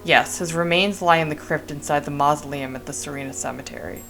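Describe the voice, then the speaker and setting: Give me a talkative male village priest, low and gravelly, read by a woman. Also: fairly even intonation, a bit bright, faint music behind. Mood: calm. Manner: reading game dialogue aloud, measured.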